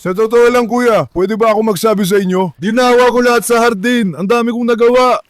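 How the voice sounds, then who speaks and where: Coaxing high-voiced man calling to dogs. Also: fairly even intonation, brisk, a little hiss or hum. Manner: coaxing, affectionate calls to his dogs. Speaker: vlogger and dog owner. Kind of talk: casual vlog talk to pets and viewers. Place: outdoors at a backyard pool.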